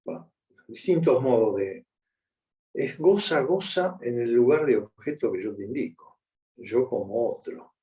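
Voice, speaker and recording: A man's voice: medium pitch, expressive, a little slow, mellow. A man with a Rioplatense Spanish accent giving a conversational conference lecture, often checking in with his audience. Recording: voice picked up from a distance.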